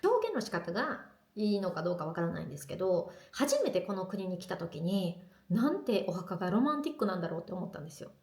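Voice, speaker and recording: A woman vlogging in casual chat to the camera, telling stories in a lively, chatty way. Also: lowish voice, fast, few pauses, echoey room.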